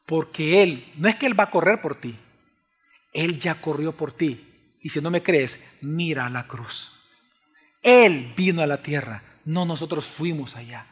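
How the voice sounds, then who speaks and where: A man preaching a sermon, swinging between hushed pleading and raised, emphatic preaching. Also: on the high side, lively intonation, a little slow, breathy edge. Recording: long reverb of a large hall.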